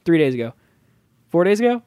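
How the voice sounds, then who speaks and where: A man's voice: fairly high pitch, very animated, fast, warm tone, clear, resonant tone, no echo. A man hosting a casual chat show, joking and rambling and laughing often. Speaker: podcast host.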